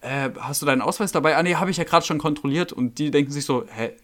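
A man's voice: a little high, quick pace, a bit bright. A man with a slightly raised voice vents in a casual podcast rant. He is worn out and irritable after work, swearing freely and acting out rude customers in little quoted voices. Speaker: podcast co-host.

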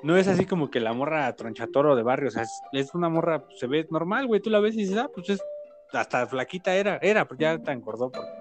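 A man in his twenties from Mexico with a Mexican accent, chatting casually with crude slang and animated storytelling. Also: on the high side, quick pace, soft background music. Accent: Mexican Spanish. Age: 20s. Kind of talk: casual chat.

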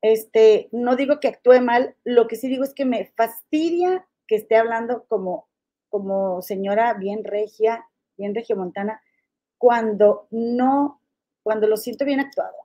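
A middle-aged woman from Monterrey, speaking with a Monterrey Mexican Spanish accent, hosts a gossip podcast and calls her listeners comadres. Her voice is fairly high and warm, her pace a little slow, and the sound lo-fi.

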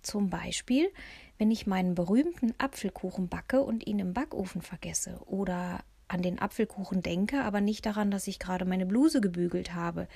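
A woman reading an audiobook, voicing a spirited, sharp-tongued old lady who speaks bluntly and matter-of-factly. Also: mid-range voice, moderate pace, creaky, husky, dry recording. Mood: frank.

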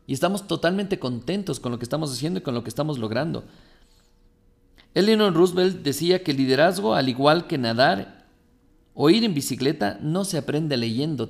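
Gravelly motivational podcast man. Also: a little high. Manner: preachy, rhetorical questions. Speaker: podcast host. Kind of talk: motivational monologue.

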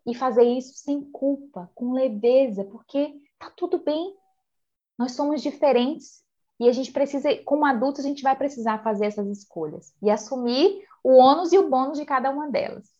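A woman's voice: high voice, moderate pace, mellow, dull audio. A woman giving reassuring, emphatic advice in a conversation.

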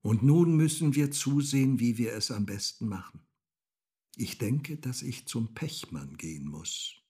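A man's voice: mid-range voice, lively intonation, a little slow, mellow, breathy edge, voice pushed up. A man voicing a kindly old wise woman in a fairy tale, speaking in a comforting way.

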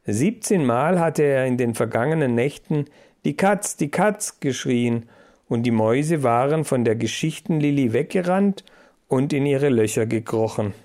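A man narrating a children's storybook in an even, measured reading voice. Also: medium pitch. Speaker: audiobook narrator.

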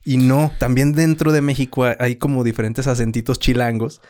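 A man's voice: medium pitch, level tone, a little fast, a little mellow. A young man from Zacatecas with a light Zacatecas Mexican accent, co-hosting a casual podcast and agreeing easily. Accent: Zacatecas Mexican Spanish. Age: young adult. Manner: easygoing, agreeable, laughs along. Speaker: podcast co-host. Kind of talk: casual chat.

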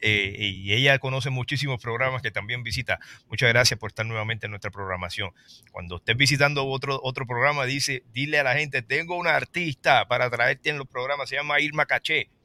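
A man hosting a casual talk show, lively and reading out viewer comments. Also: medium pitch, fairly quick. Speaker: host.

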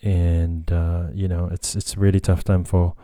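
A man's voice: deep voice, flat delivery, measured pace, warm tone, no room sound, studio quality. A young Japanese man with a Japanese accent hosting a casual solo podcast, talking hesitantly with many fillers and self-corrections. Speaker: podcast host. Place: Tokyo, Japan.

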